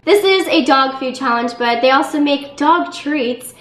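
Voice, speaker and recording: A woman's voice: sits high, measured pace, a bit bright. A young woman hosting a casual challenge vlog, squealing and giggling in disgust. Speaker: vlog host. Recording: echoey room with music behind.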